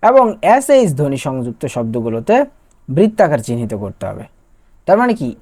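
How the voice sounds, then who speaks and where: A woman's voice: extremely low pitch, a little fast. A young woman from Bangladesh teaching an online class, asking questions and answering them herself. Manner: lively, asks and answers own questions.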